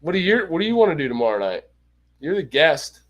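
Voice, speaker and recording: A man's voice: on the high side, big pitch swings, fast, a bit bright, dull audio. A man chatting casually on a livestream as a host, with a teasing, wry manner. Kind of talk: casual group chat on a livestream.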